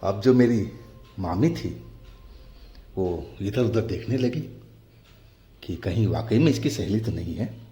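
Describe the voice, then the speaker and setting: A man narrating a true-story horror tale in a slow, measured retelling. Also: lowish voice, animated, dark tone. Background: faint background music.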